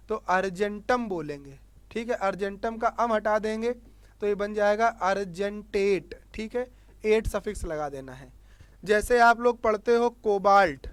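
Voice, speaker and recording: A man's voice: high voice, clean tone, no echo. A male chemistry teacher with a Hindi accent teaches a class, asking questions and answering them himself. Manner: repeats key words as questions to the class. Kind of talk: board lesson for students.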